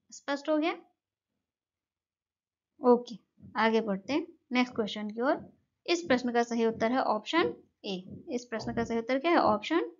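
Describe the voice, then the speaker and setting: A woman's voice: on the high side, darkish tone, highs cut off. A woman teaching an exam-prep lesson, who keeps asking questions and answering them herself.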